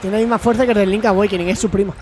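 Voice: mid-range voice, fairly even intonation, very fast, a little mellow, a little hiss or hum. Swearing streamer from Spain. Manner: swears freely, exclaims at the game. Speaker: gaming streamer. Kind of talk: casual let's-play chat with chat replies.

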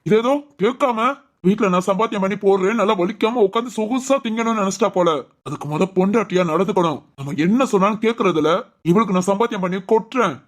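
A performer voicing a quick-tempered young husband in a family cartoon, scolding with demanding questions. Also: mid-range voice, natural voice. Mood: angry. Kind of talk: animated family cartoon dub.

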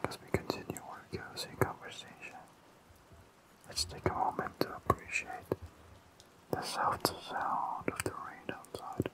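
An ASMR host rambling calmly in a fully unvoiced, slow and soothing whisper. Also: low-quality recording.

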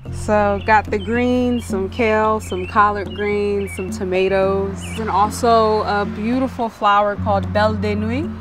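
A woman's voice: medium pitch, steady tone, measured pace, few pauses, over music. A woman in her thirties from Philadelphia, a research scientist, speaking reflectively about family and food. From Philadelphia, USA. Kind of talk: documentary interview.

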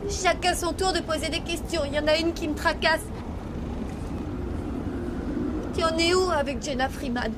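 A woman's voice: extremely high pitch, brisk, heavy background noise. An actress playing a bitter, wounded young woman in a French-dubbed TV drama, accusing and sarcastic. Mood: defiant. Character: bitter, wounded young woman confronting her unfaithful boyfriend.

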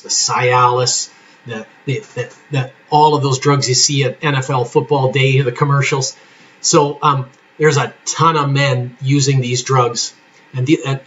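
Pharmacist type, male, going hoarse, easygoing explainer who stops and restarts often, mid-pitched voice, slightly dull lo-fi sound. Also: a bit bright, a little hiss or hum. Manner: halting, many fillers and restarts. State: losing his voice. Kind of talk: informal health explainer video.

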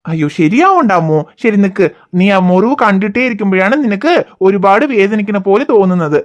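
A woman voicing a patient cartoon father who calms and reasons with small children. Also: mid-range voice, a little fast, natural voice. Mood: soothing. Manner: soothing, reasoning, calm. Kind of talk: cartoon voice acting.

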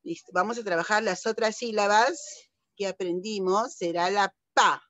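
A woman's voice: mid-range voice, normal speed, fairly bright tone, no echo. A middle-aged woman, teaching young children to read and patiently sounding out syllables. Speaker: primary school teacher. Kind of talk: online reading lesson for young children.

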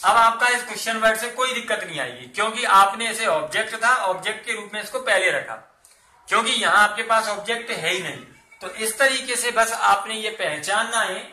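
A man's voice: high voice, pushed and bright, echoey room. A man teaching English grammar in a classroom lesson, explaining step by step and asking and answering his own questions.

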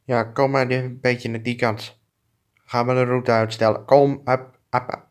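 Man voicing two clumsy neighbor guys, bickering, crude insults, slow drawn-out talk, mid pitch. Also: little pitch movement, lightly acted. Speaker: fan dubber. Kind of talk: improvised comic fan dub.

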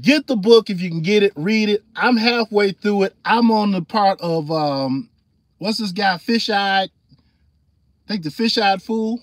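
A middle-aged man chatting casually on his livestream, animated and loose, laughing often and reading chat comments aloud. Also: high voice, unhurried, no echo. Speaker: livestream host.

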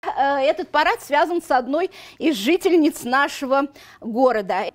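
A woman in her fifties telling a local history anecdote in an expressive way. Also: high-pitched, normal speed. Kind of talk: storytelling to camera. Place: small museum room, indoors.

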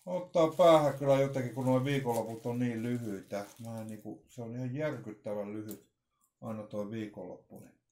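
Here the same kind of middle-aged man has a mid-range voice with a darkish tone, presenting an unboxing off the cuff in a halting, rambling manner full of repeated words. The echoey home recording from a small indoor room has slight hiss or hum.

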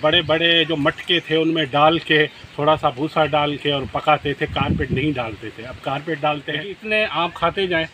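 A middle-aged man from Pakistan, chatting and explaining in a relaxed way for his farm vlog, recorded outdoors in a mango orchard on a nearby camera mic. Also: a little high, moderate pace, hardly any pauses, rough recording. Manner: relaxed and explanatory, eating and sipping while talking. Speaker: vlogger host. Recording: outdoor background noise.

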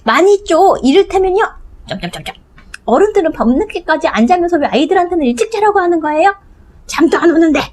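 A woman's voice: very high-pitched, expressive, quick pace, darkish tone, slight background noise, voice pushed up. A woman voicing an indignant little child who keeps protesting with whiny questions. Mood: complaining.

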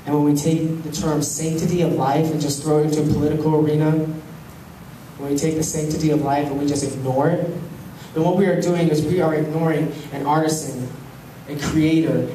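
A young man preaching a sermon on a handheld mic, animated, swinging from loud to hushed. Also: a little high, normal speed. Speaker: pastor. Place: large church hall with stage. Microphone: handheld mic, filmed from the pews. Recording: echoey hall, far camera, faint hum.

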